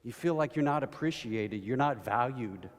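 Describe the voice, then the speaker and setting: A man preaching a sermon, telling everyday stories at an unhurried pace and building to emphatic bursts. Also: medium pitch, lively intonation. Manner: slow, storytelling delivery with rising emphatic bursts. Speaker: pastor. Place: church sanctuary. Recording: long reverb of a church hall.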